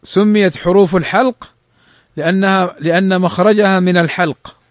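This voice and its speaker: A man teaching the rules of Quran recitation. He reads the rules quickly and draws the examples out slowly. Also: high voice, fairly even intonation, no echo, clean studio sound. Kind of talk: tajweed lesson explaining a text.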